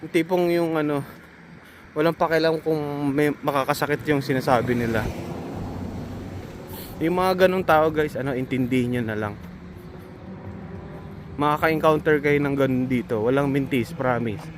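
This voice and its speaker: A man's voice: a little high, normal speed, long pauses, background noise. A Filipino man giving casual, earnest advice to fellow nurses in a vlog, reassuring and full of hesitant fillers.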